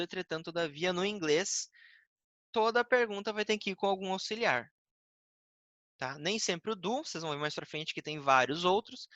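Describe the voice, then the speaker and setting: A Brazilian man teaching basic English grammar, patiently explaining step by step and reading example sentences slowly. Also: high-pitched, bright, forceful tone, no echo. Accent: Brazilian Portuguese. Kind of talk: recorded grammar lesson.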